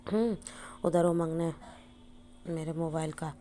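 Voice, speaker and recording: A woman vlogger narrating her day in a casual, chatty way, often filling pauses with short hums. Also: sits low, dark tone. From India. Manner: chatty, repeats "हैं" and "hmm" as fillers. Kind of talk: casual family vlog narration.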